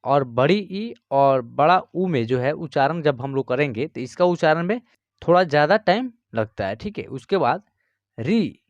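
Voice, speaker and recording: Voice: medium pitch, expressive, normal speed, dry recording, lo-fi sound. An online teacher giving a patient beginner's lesson, reciting letters one by one and often adding small check-in fillers. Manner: patient, repeats "theek hai" and "jo hai" fillers.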